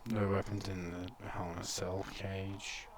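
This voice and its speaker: A man's voice: low voice, completely flat delivery, measured pace. A man giving laid-back, rambling commentary over a video game, muttering asides to himself and sounding sleepy. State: sleepy, yawning. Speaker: gameplay commentator. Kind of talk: casual let's-play commentary. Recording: heavy echo from bad capture settings, background noise.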